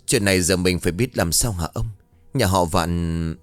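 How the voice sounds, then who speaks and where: A man's voice: deep voice, normal speed, no echo, faint music behind, lightly acted. A man voicing an anxious middle-aged mother who pleads tearfully with her daughter. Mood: worried. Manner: worried, pleading.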